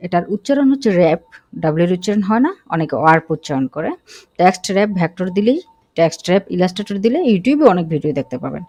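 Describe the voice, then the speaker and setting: A woman teaching a graphic design course, talking casually through a screen-recorded software tutorial with fillers and self-corrections. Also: lowish voice, no echo.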